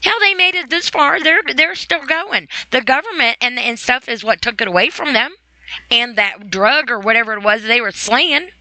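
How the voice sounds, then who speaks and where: A woman hosts an informal, opinionated podcast monologue, speaking emphatically and repeating phrases for stress. Her high voice has a sharp tone at normal speed, with poor audio and no room sound.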